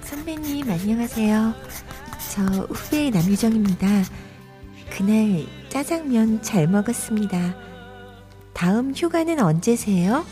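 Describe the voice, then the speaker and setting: An actress playing a shy, polite young college student in a radio drama, speaking in a hesitant way. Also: female voice, fairly high pitch, animated, measured pace, warm tone, in a large hall, faint music behind. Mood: earnest.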